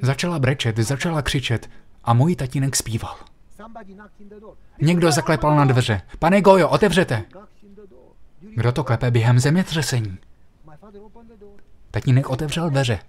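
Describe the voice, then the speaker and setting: A man at mid pitch delivers a sermon as a vivid personal story. He talks emphatically and leans into key phrases by slowing down. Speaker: preacher.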